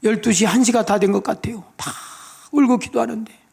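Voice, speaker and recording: Male pastor, high gravelly voice, emotional testimony sermon in a church. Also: brisk, a little mellow. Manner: emotional testimony, tearful pleading prayers. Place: church sanctuary.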